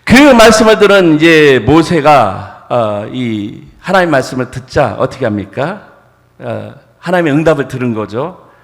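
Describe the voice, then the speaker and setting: A man's voice: medium pitch, sing-song, moderate pace. A male pastor preaching a Sunday sermon, acting out dialogue and putting rhetorical questions to his congregation. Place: church sanctuary. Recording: church hall reverb.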